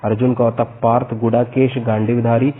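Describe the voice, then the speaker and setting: A man's voice: mid-range voice, little pitch movement, slightly rough. A man teaching a Hindi exam vocabulary lesson, reeling off synonyms and word pairs and stopping now and then to explain. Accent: Hindi, North Indian. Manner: rattles off word lists, pauses to explain. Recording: tinny narrow-band lo-fi audio.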